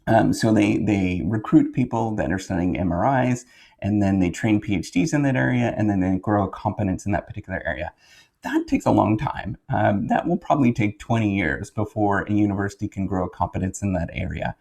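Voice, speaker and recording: With a Canadian accent, a man who teaches and hosts videos talks through a casual explanation, hesitating, rambling, fixing his words, and checking in. His voice is on the low side, creaky, and somewhat dark.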